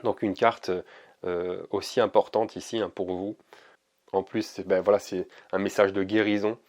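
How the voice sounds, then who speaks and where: A man giving a casual oracle card reading to camera, hesitant and gentle, with many fillers and restarts. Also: low voice, level tone, normal speed.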